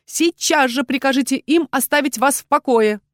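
An indignant young witch, as a woman voices her, loud and high with irritation and quick to snap. The sound is dry and close. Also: no room sound, natural voice.

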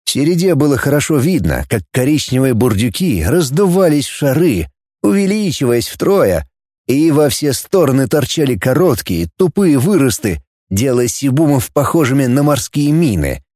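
Male audiobook narrator, lively pitch, dramatic read, dry close mic. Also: moderate pace, no echo. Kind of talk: scripted narration.

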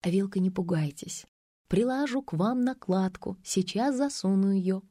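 A woman's voice: mid-range voice, expressive, moderate pace, dark tone, dry recording, clean studio sound, close to an everyday voice. A woman voicing a touchy young female costume assistant who keeps correcting her own name. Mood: soft.

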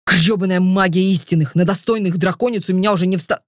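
A woman voicing an arrogant male dragon lord in an audiobook, speaking with slow, commanding contempt. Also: fairly low pitch, no room sound, clean studio sound, close to an everyday voice. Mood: mocking.

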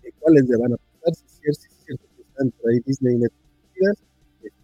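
Un hombre con acento mexicano, conduciendo una charla informal, habla con muchas muletillas mientras su conexión de llamada se corta. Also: male voice, mid-range voice, fast, breathy edge, no room sound, dull audio, soft background music. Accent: Mexican Spanish. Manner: rambling with frequent fillers. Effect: call connection breaking up. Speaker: host. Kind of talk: casual chat.

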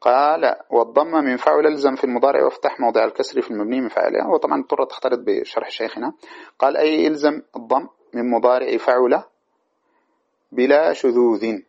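A man with a husky, breathy voice teaches classical grammar in a lecture, patient and methodical, stopping often to ask if it is clear. His speaking pitch sits in an ordinary middle range. The recording is dull and lo-fi. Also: quick pace, a little mellow. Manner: patient explainer with frequent check-in questions.

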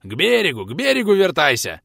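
Male reader as loud, hearty medieval boatman; raised, lively voice; folksy archaic speech. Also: mid-range voice, normal speed, dry recording, clean studio sound. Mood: shouting. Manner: shouting over wind, folksy old speech. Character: brash bold middle-aged boatman, hearty and loud. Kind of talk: audiobook character voice.

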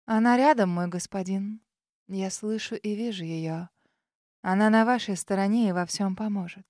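A woman voicing a treacherous old grandmother witch in an audiobook, speaking in a soft, honeyed, condescending way. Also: mid-range voice, normal speed, no room sound, studio quality, close to an everyday voice. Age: older.

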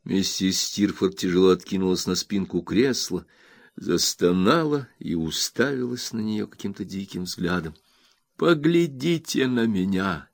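A man narrating a novel as an audiobook, in a measured, subdued storytelling manner with a gravelly voice. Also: sits low, no echo, clean studio sound. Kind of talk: scripted narration.

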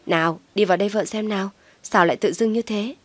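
A woman's voice: mid-range voice, fast talker, no room sound, close to an everyday voice. A woman voicing a sly young wife who teases her husband and fakes concern in an audio story. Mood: mock-worried.

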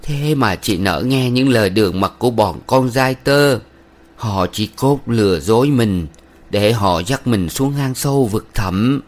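A man's voice: medium pitch, expressive, a little slow, close to an everyday voice. A man voicing a stern, moralizing middle-aged village matron who lectures a young woman with sugary sternness in a read-aloud novel. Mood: lecturing.

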